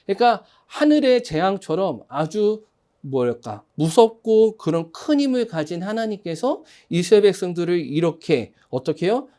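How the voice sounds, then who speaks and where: Pastor for a church sermon: lively pitch, soft mellow tone, quizzes the congregation and leads them in repeating lines. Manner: questions the congregation and has them repeat phrases; storytelling, conversational with fillers.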